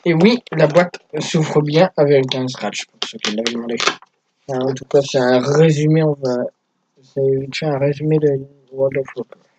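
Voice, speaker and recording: A teenage gaming YouTuber hosts a casual unboxing vlog for his channel, chatty and poking fun at himself. His voice is medium-pitched at a moderate pace, with noise in the background.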